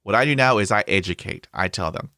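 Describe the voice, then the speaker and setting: This man hosts a podcast interview in an upbeat, chatty style, stuttering heavily through blocks and repeated sounds and using many fillers. His voice is on the low side, animated and fast, with vocal fry and a sharp tone, captured cleanly in the studio with no room sound.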